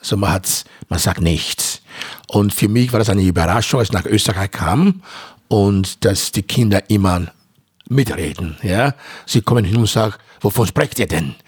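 A man's voice: lowish voice, moderate pace, slightly rough, no echo, clean studio sound. A middle-aged man from Nigeria, answering interview questions earnestly with many hesitations. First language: a Nigerian language. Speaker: interview guest, author.

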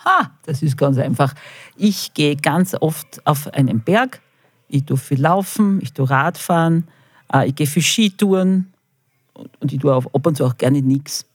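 Speaking in a low, slightly rough voice at an unhurried pace, a middle-aged Austrian-accented woman gives lively, colloquial answers to children interviewing her. She's the guest, a school official working as quality manager. The recording is dry.

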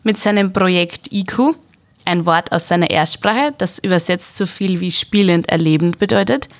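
A woman's voice: fairly low pitch, normal speed. A woman interviewer introducing her guest and asking questions in a polite, formal way.

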